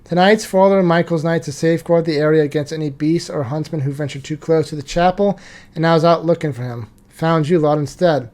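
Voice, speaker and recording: A man reading the lines of a blunt, gruff masked woman hunter from a card game story. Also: on the high side, steady tone, fairly quick, a little mellow, close to an everyday voice. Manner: plain read-aloud delivery.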